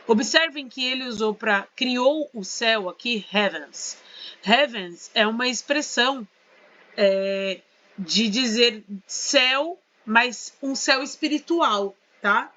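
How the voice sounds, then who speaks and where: In a lo-fi recording, a woman with a slightly high, sharp voice takes things slowly as she walks students through an English lesson on a shared screen. She's Brazilian, with a Brazilian Portuguese accent, and chats casually, often checking in with tag questions.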